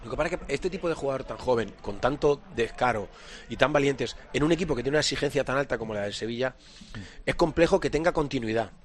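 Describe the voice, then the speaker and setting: A man's voice: mid-range voice, quick pace. A man with a Spanish accent giving football analysis on a radio broadcast, explaining tactics insistently. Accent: Spanish from Spain.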